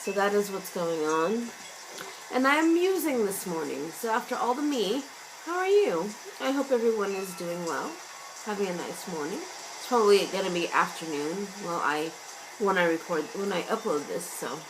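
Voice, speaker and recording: A woman vlogger, hoarse and losing her voice, musing in a chatty, meandering, self-mocking way. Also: mid-range voice, expressive, moderate pace, noisy background. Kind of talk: casual musing vlog. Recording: loud rain and thunder sounds from an app behind the voice. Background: rain and thunder ambience sounds.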